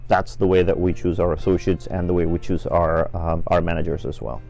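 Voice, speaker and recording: A middle-aged man from Venezuela, a franchise business owner answering interview questions in a measured way, with many fillers and restarts. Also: deep voice, little pitch movement, creaky, darkish tone, soft background music.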